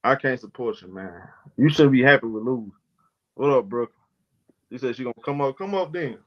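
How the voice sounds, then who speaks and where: A man's voice: medium pitch, expressive, a little fast, lo-fi sound. A man hosting a casual sports talk live stream, loose and argumentative, talking back to his chat in slang.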